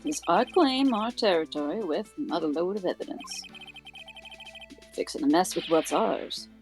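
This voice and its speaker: A woman's voice: medium pitch, expressive, a little fast, faint music behind, lightly acted. Jake Marshall, a woman doing a drawling cowboy. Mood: swaggering. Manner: twangy cowboy drawl, folksy slang. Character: drawling Wild West cowboy detective man.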